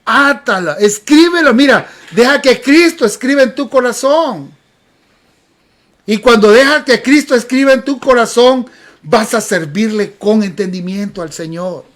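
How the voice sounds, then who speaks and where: A man preaching in a church, with an unusually high voice. He tells stories with emphasis and keeps repeating key phrases. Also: a little slow, a bit bright. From Honduras. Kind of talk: sermon. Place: church sanctuary.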